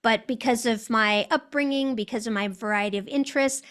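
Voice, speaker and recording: Articulate American woman, slightly high voice. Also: fairly quick, a bit bright. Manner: articulate, reflective. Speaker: interview guest. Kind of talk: casual interview storytelling.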